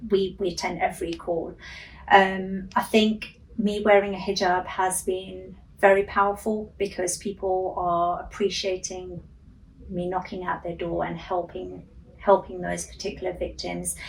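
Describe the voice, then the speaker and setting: In a radio interview, a middle-aged female police officer, a native Urdu speaker, talks earnestly and says um a lot. She has a medium-pitched voice with vocal fry, recorded from a distance with slight background noise.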